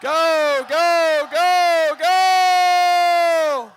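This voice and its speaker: A man announcing a powerlifting meet live, working up the crowd like a showman with booming calls, drawn-out numbers and urging. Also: fairly even intonation, fairly bright tone. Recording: crowd noise in a live venue.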